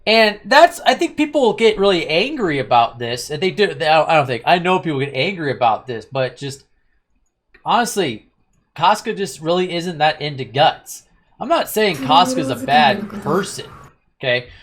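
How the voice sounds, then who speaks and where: A man's voice: a little high, very animated, normal speed, fairly bright tone. A man hosting a casual anime review chat, rambling and opinionated with a sarcastic edge. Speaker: host of an anime review channel.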